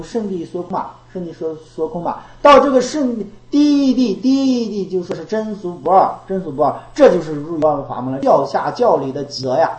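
A woman's voice: fairly low pitch, darkish tone, reverberant, rough recording. A woman giving a Buddhist dharma talk. She repeats her phrases and asks rhetorical questions. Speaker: Buddhist teacher.

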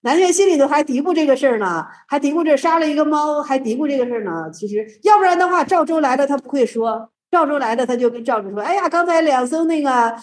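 Woman, high voice, Zen talk, lively storytelling, roomy echo. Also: fast talker, hardly any pauses. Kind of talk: casual dharma talk.

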